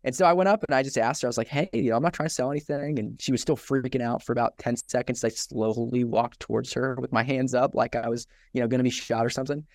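A man's voice: medium pitch, fast talker, vocal fry, hardly any pauses, no echo. A young man tells a story in a casual podcast chat. His voice sits mid-range and sounds close and dry. He jumps into the voices of the people in the story and laughs easily. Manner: animated storyteller who acts out quotes, laughs often. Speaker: podcast host.

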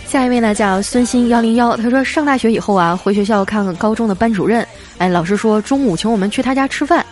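A woman hosting a radio-style show, reading listener jokes aloud with playful storytelling and drawn-out particles. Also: a little high, darkish tone, soft background music.

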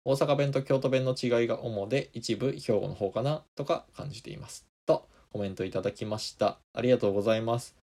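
A man's voice: mid-range voice, fairly quick, few pauses, warm tone. A man from Kansai, Japan, hosting a podcast and answering listener comments in a meandering, chatty way. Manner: meandering, chatty, many small asides. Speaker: podcast host.

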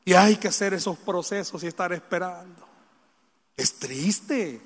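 A man preaching a sermon, addressing the congregation directly with questions and moving between soft, sorrowful confession and loud exhortation. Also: high-pitched, measured pace, breathy edge, in a large hall.

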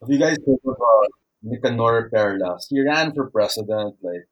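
A man with a husky voice of middle pitch talks casually. He comes across as informal and reflective. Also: lively intonation, moderate pace, dull audio. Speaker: teacher. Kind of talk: casual conversation.

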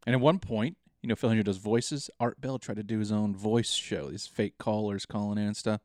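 A man co-hosting a podcast in casual chat, joking and telling animated stories. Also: lowish voice, a little fast, no echo, studio quality. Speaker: podcast co-host.

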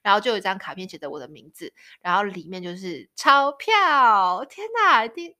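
A woman's voice: mid-range voice, expressive, moderate pace, sharp tone. A woman in her thirties from Taiwan with a Taiwanese Mandarin accent, hosting a casual storytelling chat. She laughs often and acts out the voices of people in her stories. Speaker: podcast host.

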